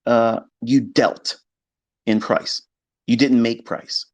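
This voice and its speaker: A trading educator lectures in a loose, unscripted live-stream manner, blunt and emphatic, swearing casually. His middle-pitched voice keeps a level tone and unhurried pace, and the sound is dry and close with no room echo.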